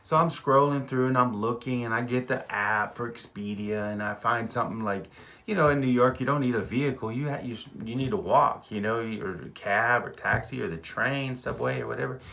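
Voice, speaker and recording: Gravelly man telling a story. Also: medium pitch, brisk. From Texas. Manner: animated storyteller who chuckles often and repeats words. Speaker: vlogger. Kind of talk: casual storytelling.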